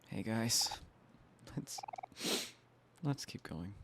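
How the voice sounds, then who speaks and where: A man playing a video game with friends, chatting casually, reading lines aloud and breaking into excited, jokey outbursts. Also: fairly low pitch, extremely slow, background noise. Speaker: let's play gamer. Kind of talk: casual gameplay chat, reading dialogue aloud.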